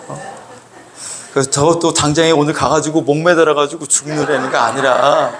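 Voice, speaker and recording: A man preaching a Sunday sermon as pastor, animated, acting out scolding voices and prompting the congregation with frequent interjections. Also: on the high side. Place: church sanctuary.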